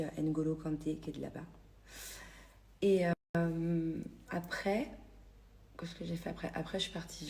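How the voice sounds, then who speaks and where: A vlogger from the Paris region of France tells stories to her followers on her phone in a casual way, with lots of fillers and restarts. Her voice is low-pitched and gravelly, a little mellow, and there's a slight hiss or hum in the background.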